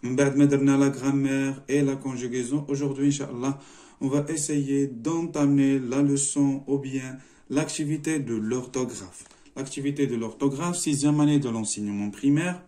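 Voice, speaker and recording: A middle-aged man with a Moroccan accent teaches a primary-school French spelling lesson, explaining step by step, repeating words, and switching between Moroccan Arabic and French. His mid-range voice is fast, steady, and dark in tone.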